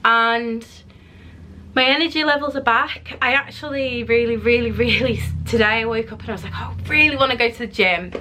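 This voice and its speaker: Soft music plays behind a woman with a slightly high, sharp voice who talks fairly quickly. She's vlogging her weekly weigh-in from her home office, a touch nasal as she recovers from being sick, rambling chattily with frequent ums and restarts.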